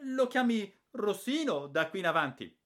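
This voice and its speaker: A man's voice: high-pitched, very animated, normal speed, voice pushed up. A man voicing a cheeky, whining young boy in an audiobook. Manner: whining, shouting.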